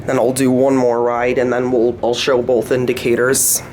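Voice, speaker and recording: A man with a medium-pitched voice speaks at a moderate pace over slight background noise. He films hotel elevators on a handheld camera, narrating casually and pointing things out as he rides. He sounds relaxed, and the setting is indoors among the hotel's elevators and hallway.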